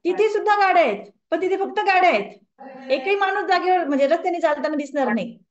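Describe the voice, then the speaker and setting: A woman's voice: extremely high pitch, expressive, fast, lo-fi sound. A woman wellness coach gives a conversational lecture to a group and keeps asking the audience questions.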